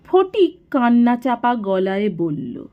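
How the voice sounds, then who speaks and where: Slow, expressive woman storyteller. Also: on the high side, narrow, tinny audio. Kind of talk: scripted narration of a classic story.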